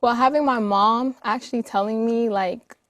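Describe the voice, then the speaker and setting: A woman's voice: a little high, steady tone, moderate pace, dry recording. A young woman answering interview questions in an easygoing way. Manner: easygoing, laughs while answering. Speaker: guest.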